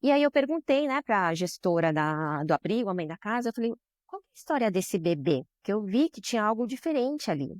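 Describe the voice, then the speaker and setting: A woman's voice: medium pitch, big pitch swings, brisk, no echo, studio quality. A woman with a Brazilian Portuguese accent, a guest in a podcast interview, telling stories with feeling and often tagging her sentences with questions. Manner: emotional, frequent tag questions. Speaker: guest, social business director.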